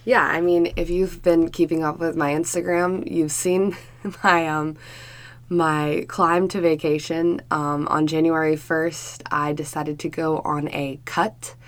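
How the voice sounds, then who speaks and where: A young adult woman co-hosting a podcast, chatting candidly with many fillers, her voice hoarse from being sick. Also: low-pitched, level tone, measured pace. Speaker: podcast co-host. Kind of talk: casual chat.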